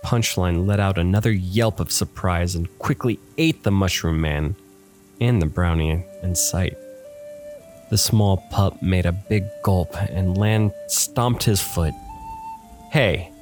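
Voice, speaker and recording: A man with a very deep voice reads a fantasy storybook aloud. His delivery is steady and descriptive. Soft music and rain sounds play faintly underneath. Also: slow. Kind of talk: storybook narration.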